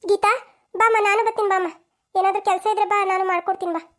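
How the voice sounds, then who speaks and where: A woman's voice: very high voice, steady tone, quick pace, a bit bright. A woman voicing a kind middle-aged mother in a cartoon, soothing and conciliatory. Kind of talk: cartoon voice acting.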